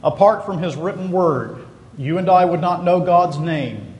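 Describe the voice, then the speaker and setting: A man preaching a sermon, stressing key words by repeating them slowly. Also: high-pitched, animated, a little mellow. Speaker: pastor. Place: church sanctuary. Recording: echoey church hall.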